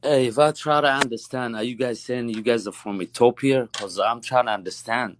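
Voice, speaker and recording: A man's voice: medium pitch, normal speed, slight background noise. A man from Somalia calling into a live chat, asking questions hesitantly and restarting his sentences. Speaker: caller. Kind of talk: casual chat.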